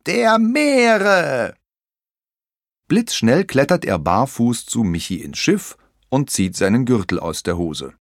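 A man narrating a children's audiobook in an expressive storytelling manner. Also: on the low side, a little slow, no room sound, clean studio sound.

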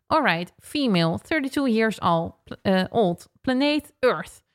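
A woman putting on the calm, slow read-out voice of an alien spaceship computer. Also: on the high side. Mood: calm, mechanical.

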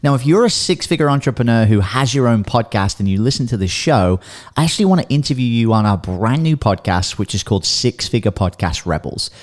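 A man's voice: medium pitch, lively intonation, brisk. A man speaking directly to listeners in an upbeat tone as he reads a promo for his podcast. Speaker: podcast host. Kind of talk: scripted promo read.

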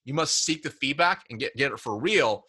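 A man's voice: medium pitch, lively intonation, moderate pace, pushed and bright, husky. A man telling a workplace story as an interview guest, acting out both sides of the dialogue. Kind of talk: casual storytelling chat.

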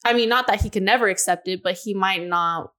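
Medium in pitch and fairly bright in tone, this woman in her twenties co-hosts a casual podcast. She's candid and confessional, musing aloud in long, drawn-out thoughts peppered with "you know" and "like."

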